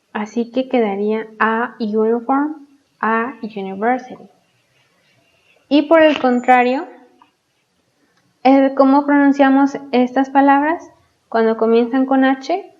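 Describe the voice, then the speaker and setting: Slow, patient woman teaching grammar. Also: a little high. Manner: patient, models English words slowly and clearly. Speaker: English teacher. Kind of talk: explaining English grammar in Spanish. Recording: dull lo-fi sound.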